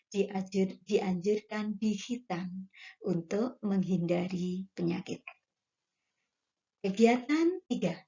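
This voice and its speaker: In a slow, careful classroom lesson, a woman teacher reads each exercise question out loud before giving its answer. Her mid-range voice is mellow with vocal fry, and the recording sounds lo-fi.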